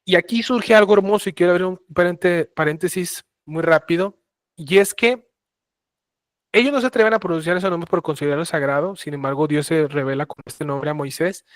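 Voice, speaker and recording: A man giving a Bible teaching talk, explaining slowly with many fillers and restarts. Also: a little high, no room sound, clean studio sound. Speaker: preacher.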